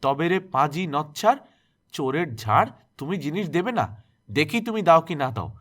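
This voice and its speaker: A man's voice: high-pitched, big pitch swings, a little fast, pitched above the performer's own voice. A man voicing a harsh, domineering older village woman who scolds and threatens. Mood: furious.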